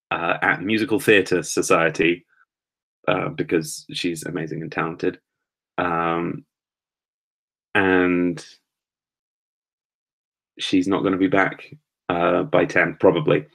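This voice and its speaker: A man's voice: low-pitched, a bit bright. A man streaming live for the first time, chatting casually with viewers in a nervous, rambling, self-deprecating way. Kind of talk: casual chat reading live comments.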